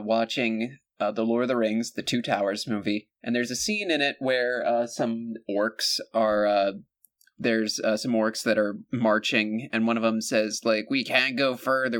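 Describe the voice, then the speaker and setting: A man's voice: fairly low pitch, a bit bright. A man co-hosting a podcast in casual comedic chat, rambling with lots of fillers, restarts and jokes. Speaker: podcast co-host.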